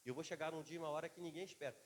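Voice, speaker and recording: A pastor preaching a sermon, a man, swinging between loud and soft delivery in a church. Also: fairly high pitch, steady tone, rapid-fire, in a large hall.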